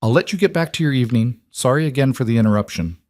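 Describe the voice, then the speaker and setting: A man's voice: medium pitch, expressive, fast, darkish tone, no echo, studio quality, pitched above the performer's own voice, lightly acted. A man voicing a tired woman doctor with a slight Southern accent, polite and apologetic. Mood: weary, apologetic.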